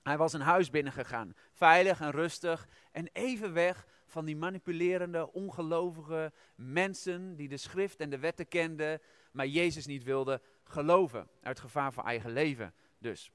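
A man preaching a sermon, retelling the scripture in lively storytelling and asking his listeners direct questions. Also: on the high side, normal speed, smooth, dry recording.

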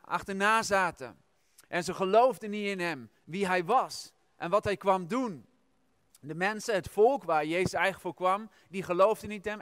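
A man preaching a sermon, retelling the scripture in lively storytelling and asking his listeners direct questions. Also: sits high, clean tone, no echo.

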